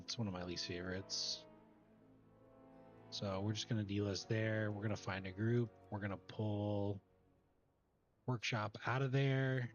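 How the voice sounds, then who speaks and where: Guy with a lowish voice talking thru a game run, laid back and chatty, game music faint underneath. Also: muffled recording. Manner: relaxed, chatty, talks while playing. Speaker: gameplay guide host. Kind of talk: casual gameplay commentary.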